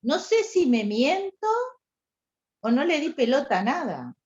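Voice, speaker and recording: A woman's voice: high-pitched, sing-song, unhurried, a little mellow. Blunt Rioplatense woman on a dull line. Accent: Rioplatense Spanish. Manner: candid, blunt storytelling. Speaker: workshop participant. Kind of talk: personal sharing in a class.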